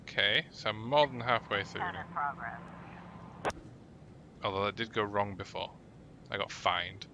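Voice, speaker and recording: Gamer man narrating his run, low-pitched, over constant hum. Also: a little slow, pauses often, muffled recording. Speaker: gaming YouTuber. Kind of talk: let's play, reading game text aloud.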